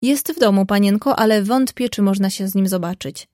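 A woman's voice: mid-range voice, a little fast, darkish tone, no room sound, studio quality, natural voice. A woman reading the part of a worried, deferential household maid who speaks politely and fretfully.

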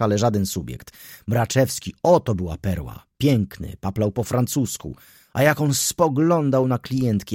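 A man voicing an aging, excitable old shop clerk who pleads fervently and climbs to high, excited peaks. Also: husky, no room sound, clean studio sound, exaggerated voice. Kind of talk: audiobook dialogue reading.

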